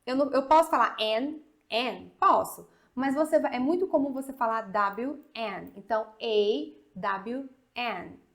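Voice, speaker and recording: A woman from Brazil teaching an English lesson. She spells letters slowly, speeds up when she explains, and keeps checking in with her students. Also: a little high, animated. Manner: slow spelling drills with frequent "tá?" check-ins. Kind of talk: video lesson.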